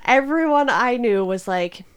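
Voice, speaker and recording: A woman's voice: a little high, animated, unhurried, clean tone. Woman chatting naturally as podcast host. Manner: laughs readily, self-deprecating, informal. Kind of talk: natural unscripted casual chat.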